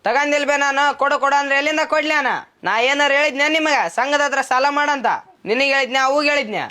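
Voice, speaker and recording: A man's voice: extremely high pitch, fairly even intonation, fast, bright, forceful tone. A young man playing a wheedling, defensive younger brother. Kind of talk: village short-film acting.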